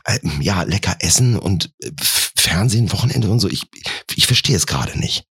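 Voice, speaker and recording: Man voicing a nervous young boyfriend, stammering, eager to please, very low, husky. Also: animated, normal speed, a bit bright, no echo, studio quality, exaggerated voice. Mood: flustered. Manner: hesitant, stammering, anxious to please.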